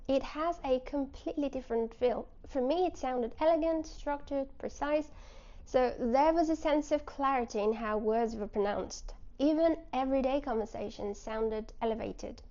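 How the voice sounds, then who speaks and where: A non-native English-speaking woman with a modern British accent, explaining things clearly in short phrases to learners as a teacher. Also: high-pitched, dark tone, highs cut off. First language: not English. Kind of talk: direct-to-audience lesson with personal story.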